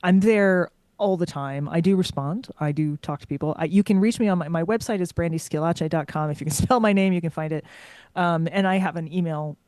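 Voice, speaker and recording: A woman's voice: fairly low pitch, brisk, darkish tone, no echo. American woman author in interview, middle-aged, rambling with many restarts, dry sound. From United States. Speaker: author guest. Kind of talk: casual interview answers.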